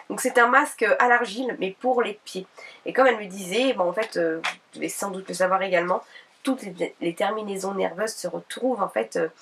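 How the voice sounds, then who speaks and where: Chatty woman, slightly husky, from camera distance. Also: mid-range voice, a bit bright. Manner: chatty, many fillers and restarts. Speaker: beauty vlogger. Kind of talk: casual haul video, showing products. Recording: distant home camera recording.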